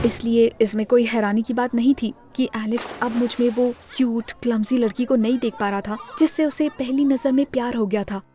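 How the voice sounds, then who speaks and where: A woman with a high voice tells a scripted story in an emotional, confessional first-person style. Music plays behind her throughout the animated story. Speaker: narrator. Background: background music.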